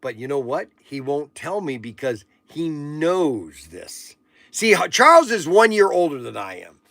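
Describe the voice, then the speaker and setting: Man, sixties, livestream host, rambling casual chat, high voice, close dry mic. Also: very animated, a little slow, gravelly, fairly bright tone, no room sound. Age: 60s. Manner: rambling, chatty, joking with viewers and reading out chat comments.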